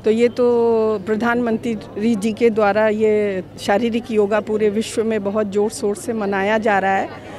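A woman from a spiritual organization speaking calmly and instructively about meditation to a reporter. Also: on the high side. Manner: calm, devotional, instructive. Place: outdoors at a crowded event. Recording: outdoor crowd noise.

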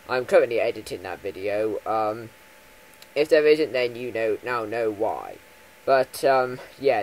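A young man giving chatty Minecraft let's play commentary, full of ums and self-corrections, jumping from loud bursts down to low mumbles. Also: rough recording. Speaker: gaming YouTuber.

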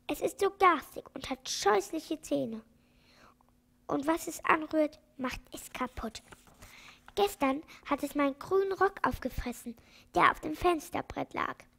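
A woman doing a shrill, scolding housekeeper. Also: unhurried, gravelly, a bit bright, full character voice.

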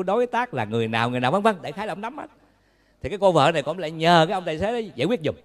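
A man with a Southern Vietnamese accent, a Buddhist monk giving a dharma talk in a folksy, humorous way, telling stories and asking the audience questions. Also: high voice.

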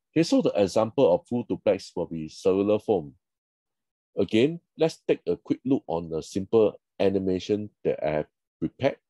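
An instructor narrates a slide lecture in short, explanatory phrases, using a low, mellow voice and English with non-native phrasing. The recording is dry and close, with no room sound.

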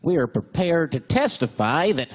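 A man voicing a solemn forensics expert giving formal, slow courtroom testimony in a comedy set. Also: on the high side, very animated, pitched below the performer's own voice. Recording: loud laughing crowd and noise.

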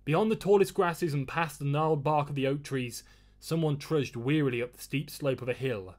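An author reading his own novel aloud in a measured, expressive storytelling voice. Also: a little high. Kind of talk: audiobook-style reading.

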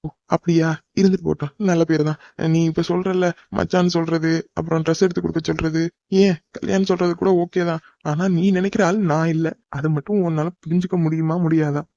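A man's voice: fairly high pitch, steady tone, a little fast, creaky, dark tone, no room sound. A man with a Tamil accent voicing a cartoon hero, exasperated and pleading. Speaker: voice actor in a cartoon. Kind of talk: animated cartoon dub acting. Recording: dull dry lo-fi recording.

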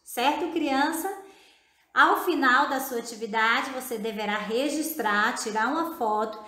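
A Brazilian woman teacher with a Brazilian Portuguese accent, giving a recorded video lesson for children, speaking slowly and deliberately, spelling out syllables and often addressing the child directly. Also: sits high, sharp tone. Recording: echoey room.

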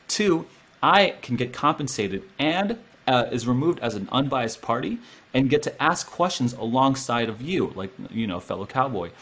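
With a husky, mid-range voice at normal speed, a young man acts as host of a casual at-home interview in a small room. He addresses the camera animatedly and gestures a great deal.

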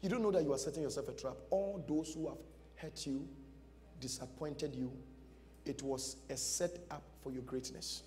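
A man with a warm, slightly high voice preaches at normal speed, repeating short phrases as he tells a dramatic story with emphasis. The pastor is on a big church stage in front of a seated audience, and the recording carries background music and long hall reverb.

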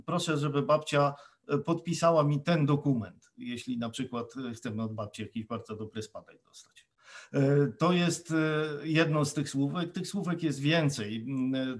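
A man giving a webinar lecture as a plain-language trainer for officials, explaining rules with worked examples in a conversational way. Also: mid-range voice. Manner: conversational, with frequent hesitation sounds.

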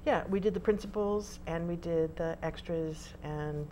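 Woman, low voice, friendly interview guest; faint hum behind. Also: a little slow, warm tone. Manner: friendly, explanatory. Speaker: casting director.

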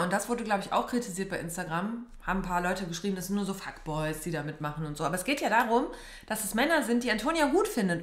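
Chatty young woman reacting, roomy sound. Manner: chatty, gushing, swings high when excited. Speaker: reaction video host. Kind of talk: casual commentary on a reality show. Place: small decorated room indoors.

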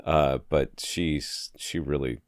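A man co-hosting a podcast, chatting casually and telling relaxed asides. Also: rumbling low, slow pace, no echo, studio quality. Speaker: podcast co-host. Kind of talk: casual chat.

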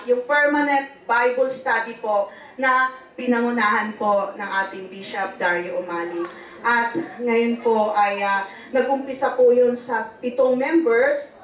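A middle-aged woman speaking politely at a church gathering, giving a halting testimony with many fillers into a handheld microphone. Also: a little high. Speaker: church member giving outreach history. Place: large bare church hall indoors. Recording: echoey hall, far camera.

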